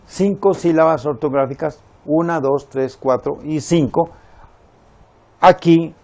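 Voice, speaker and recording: A man teaching a Spanish grammar lesson, explaining syllables slowly and counting them out step by step. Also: a little high, darkish tone.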